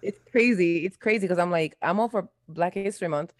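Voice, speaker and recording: Talking a bit fast in a lowish voice, this foreign-born podcast co-host has a light Latin American accent. She's young and chats casually, wandering through her thoughts with many fillers and false starts, and the recording has no echo.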